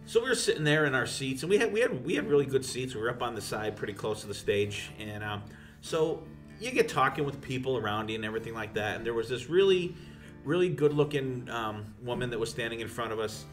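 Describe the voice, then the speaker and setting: A man co-hosting a podcast, talking casually in a middle-pitched voice. He rambles through long, profane stories. Music plays clearly underneath. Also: animated, fairly quick. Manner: rambling, profane anecdote teller. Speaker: podcast co-host. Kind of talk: casual chat.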